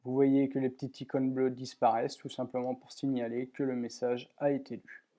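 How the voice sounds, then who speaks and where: This software tutorial presenter has a warm, medium-pitched voice with little pitch movement, talking a little fast. In his screen-recorded walkthrough, he explains a computer program plainly and methodically, step by step, peppering it with fillers and "voilà."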